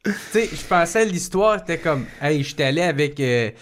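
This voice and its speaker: A man's voice: fairly high pitch, animated, moderate pace, background noise. A man with a Québécois accent, chatting casually as a co-host and reacting with short interjections. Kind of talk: casual podcast chat.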